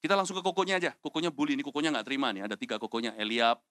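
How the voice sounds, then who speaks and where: A man preaching a sermon as pastor, animated and dramatic, acting out quoted characters in high, loud voices. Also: very fast, no echo, studio quality. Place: church stage.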